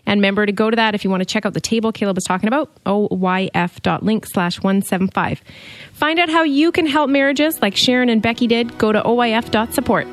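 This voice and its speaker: A woman's voice: a little high, fast talker, no echo. A woman co-hosting a podcast in casual chat, often affirming with "mm-hmm" and "yeah" and wrapping up the show. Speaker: podcast co-host.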